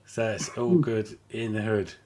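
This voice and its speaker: A man's voice: on the low side, a little slow, a crowd in the background. A man co-hosting a casual live stream chat, upbeat and asking the others questions.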